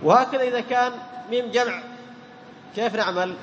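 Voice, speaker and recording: A man teaching the rules of Quran recitation to a class, quizzing his students and repeating key terms, chanting the verse examples slowly. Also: very high voice, big-room sound, lo-fi sound, noisy background.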